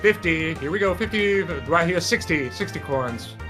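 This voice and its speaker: A man's voice: fairly high pitch, animated, normal speed, over music. A man playing a game with friends, calling out auction bids in a rhythmic, repeating patter. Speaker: auctioneer among players. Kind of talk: casual game chat.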